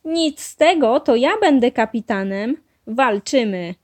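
A boisterous little boy playing at pirates, as a woman reading a storybook puts him on. He calls out boldly and a bit higher than her usual voice. The delivery stays slow and clear. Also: expressive, a little mellow. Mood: lively. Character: boisterous young boy animal friend. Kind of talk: storybook read-aloud.

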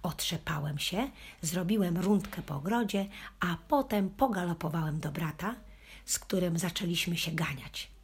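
Breathy husky woman reading a kids story as a cheeky puppy, low voice, really slow. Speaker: audiobook reader. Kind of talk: storybook narration in first person as a puppy.

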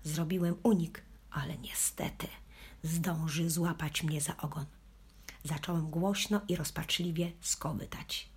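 A woman reads a children's story aloud, speaking in the first person as a cheeky puppy with a wry, playful manner. Her voice is low and very breathy, almost airy. She takes her time and reads at a slow, unhurried pace. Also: steady tone, darkish tone. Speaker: audiobook reader.

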